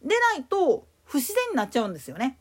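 A woman with a Kansai accent giving a solo explanatory talk as a podcast host, emphatic in her delivery. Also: quick pace. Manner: explanatory, emphatic, lively pitch swings.

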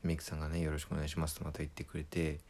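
A man, a comedian, telling a story in a casual monologue, retelling it in a lively way and acting out the quoted lines. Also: very deep voice, very fast.

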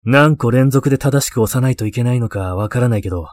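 A man voicing an eccentric, obsessive male occult enthusiast in a ghost story, terse, low-key and matter-of-fact. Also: quick pace, a little mellow, dry recording, clean studio sound, natural voice. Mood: absorbed, deadpan. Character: eccentric, obsessive male occult-loving mentor, deadpan and wistful.

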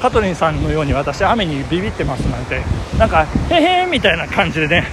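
A man's voice: on the high side, sing-song, fast talker. A man hosting a casual solo podcast while running outdoors, speaking politely and chattily with controlled breathing as he handles listener mail. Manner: polite, chatty delivery with exclamations. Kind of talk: casual solo chat recorded on the move. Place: outdoors on the move along a road. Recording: windy outdoor recording with traffic noise.

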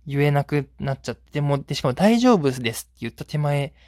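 A man's voice: fairly high pitch, level tone, quick pace, a little mellow, no room sound. A man hosting a solo podcast, telling a rambling, self-deprecating story in a casual way, close to the mic. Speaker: podcast host.

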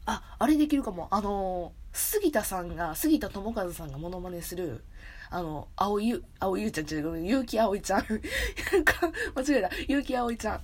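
A woman's voice: medium pitch, moderate pace, husky. A woman with a Kansai accent hosting a solo casual radio talk, laughing often and joking at herself. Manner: laughs often, lively and self-mocking. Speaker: podcast host.

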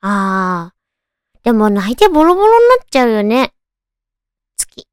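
A woman with a naturally cute, girlish anime-style voice hosts a casual solo radio chat, talking to her listeners in a cutesy, animated way. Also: fairly high pitch, unhurried, dry recording, clean studio sound. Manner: cutesy, animated, addressing listeners with soft questions. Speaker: radio show host.

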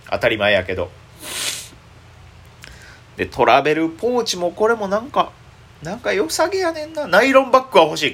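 Excitable Kansai-accented young man, lively pitch. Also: breathy edge. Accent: Kansai Japanese. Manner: excitable, thinks aloud, frets and rambles. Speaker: comedian and podcast host. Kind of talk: solo casual chat.

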